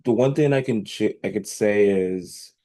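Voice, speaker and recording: A man's voice: lowish voice, measured pace, warm tone. A man co-hosting a casual movie podcast, blunt and profane, often searching for words. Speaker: podcast co-host. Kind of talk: casual movie review chat. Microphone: podcast microphone.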